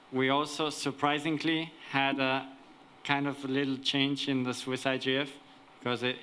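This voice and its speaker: A man giving unscripted remarks as a conference participant, deliberately searching for his phrasing. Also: medium pitch, pushed and bright, slight background noise. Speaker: conference participant, event organizer.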